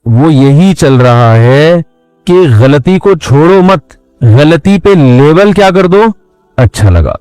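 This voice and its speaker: A man's voice: on the high side, animated, a little mellow, clean tone, no room sound, faint music behind, poor audio. A man giving a conversational religious talk, often checking that the listener understands. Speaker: Islamic speaker.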